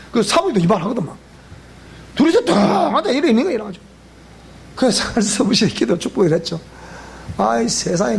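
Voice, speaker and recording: Male pastor, Gyeongsang accent, lively storytelling sermon, faint hiss behind. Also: very high voice, creaky. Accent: Gyeongsang Korean. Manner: animated, acts out dialogue, laughs often. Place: church sanctuary.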